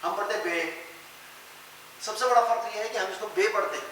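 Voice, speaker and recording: A man's voice: sits high, fairly bright tone. An older man teaching a classroom tajweed lesson, patiently drilling letter sounds. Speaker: Quran recitation teacher. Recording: echoey classroom with background noise.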